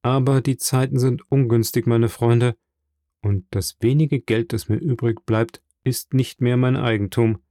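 A man voicing a grieving, kindly middle-aged shipowner in an audiobook, with an earnest, warm delivery. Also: medium pitch, fairly even intonation, unhurried, dry recording, clean studio sound, natural voice. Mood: sorrowful, kind.

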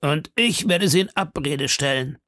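A man's voice: a little high, unhurried, bright, forceful tone, no echo, studio quality, pitched above the performer's own voice. A man reading an audiobook, voicing a proud, defiant captain of musketeers who declaims boldly and insistently. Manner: bold, insistent, raised declaiming voice. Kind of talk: audiobook character voice.

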